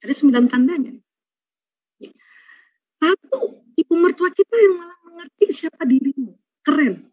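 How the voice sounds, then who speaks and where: A woman with a fairly high voice gives a religious talk in a lively, chatty way, breaking into playful acted-out scenes and frequent laughter. The sound is dry and a little dull, like a lo-fi recording. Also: normal speed, long pauses, no echo. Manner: lively, acts out quoted voices, laughs often. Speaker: speaker at an Islamic study program.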